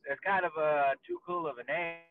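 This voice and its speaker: A man co-hosting a casual podcast chat over a video call, ranting and mocking in an animated, profane way. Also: fairly high pitch, a little fast, a crowd in the background. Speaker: podcast co-host. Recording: tinny phone-like video call line with faint noise.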